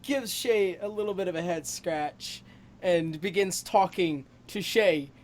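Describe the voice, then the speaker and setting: A man's voice: high voice, noisy background. A man narrating a tabletop role-playing game as game master, hesitating often with ums and uhs. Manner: slow, halting narration full of ums and uhs.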